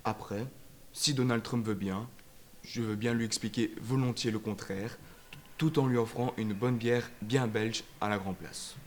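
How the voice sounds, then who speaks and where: A man's voice: fairly low pitch, fairly even intonation, measured pace. A young man from Belgium, speaks wryly to the camera as a student. A faint noise runs under the recording. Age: young adult.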